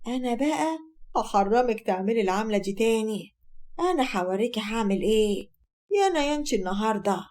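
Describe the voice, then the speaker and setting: A woman voicing a domineering, scornful older Egyptian mother-in-law who talks in a sharp, mocking, bossy way. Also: a little high, animated, quick pace, lightly acted. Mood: spiteful.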